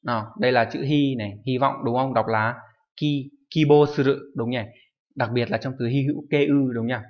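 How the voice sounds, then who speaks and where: A man's voice: medium pitch, steady tone, moderate pace, highs cut off. A man teaching a recorded online kanji lesson. He lists items steadily and checks in often with rhetorical questions. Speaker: Japanese teacher.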